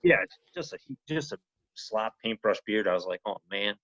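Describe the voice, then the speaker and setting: A man's voice: fairly low pitch, moderate pace, dry recording. Brief: male podcast guest, rambling storyteller, dry close sound, a bit muffled. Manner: rambling, animated, lots of "you know" and "he goes". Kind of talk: casual storytelling. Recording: slightly muffled podcast audio.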